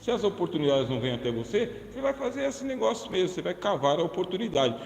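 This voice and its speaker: A Brazilian male pastor preaches in a chatty, joking way, tossing questions out to his listeners. His voice sits a bit on the higher side for a man. The sound carries a long, roomy reverb from the church hall. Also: big pitch swings, fast, creaky. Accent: Brazilian Portuguese. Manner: jokey, chatty, asks the audience questions. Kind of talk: humorous sermon-lecture.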